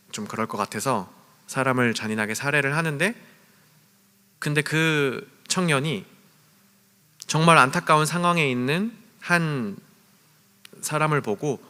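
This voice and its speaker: Bright-voiced man preaching in a hall. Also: medium pitch, clean tone. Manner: storytelling, acts out quoted lines with shouts and whispers. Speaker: youth group pastor. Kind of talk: sermon. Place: church hall. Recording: long church hall reverb.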